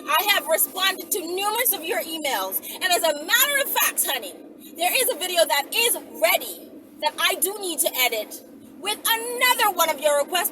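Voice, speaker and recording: A content creator with a very high voice rants casually to camera, speaking directly to her viewers. She's sassy and blunt, swearing heavily throughout. The mic sits at a distance and background noise is clearly audible.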